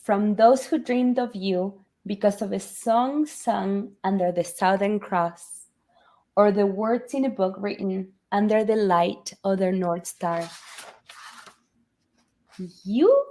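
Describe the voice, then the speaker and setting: A woman reading a wise, loving old grandfather's lines slowly and tenderly from a storybook, over a video call. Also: medium pitch, warm tone, close to an everyday voice.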